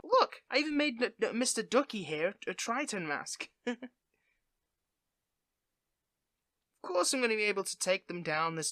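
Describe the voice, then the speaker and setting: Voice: medium pitch, pushed and bright, dry recording. Performer as a flustered dorky villain, dry and close. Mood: sheepish, eager. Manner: stammering, sheepish, eager to impress. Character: dorky, flustered, affectionate villain at home with partner. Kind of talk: scripted audio role-play, one-sided conversation.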